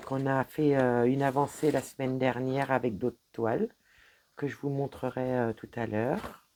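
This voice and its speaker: A woman's voice: rumbling low, creaky, a little mellow. A woman with a French accent chatting casually at her home desk, rambling and stumbling over her words as she shows her cross-stitch progress. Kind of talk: casual show-and-tell vlog.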